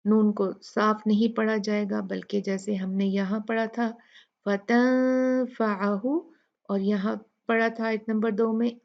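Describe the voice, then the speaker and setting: A woman with a Pakistani Urdu accent teaching Quran recitation rules, patiently repeating sounds slowly to demonstrate them. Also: mid-range voice, creaky. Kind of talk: tajweed lesson explaining recitation rules. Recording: dull lo-fi recording.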